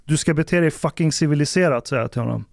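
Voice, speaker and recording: A man's voice: a little high, creaky, no room sound, studio quality. A man hosting a podcast, telling a story in casual chat and acting out what people said. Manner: animated storyteller acting out quotes. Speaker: podcast host.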